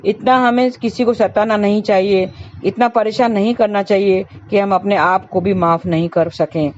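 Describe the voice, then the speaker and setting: A woman's voice: mid-range voice, a little mellow, slight background noise. A woman telling a moral story in a preachy, repetitive way and addressing listeners as friends, in a slightly dull recording. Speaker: astrologer and storyteller.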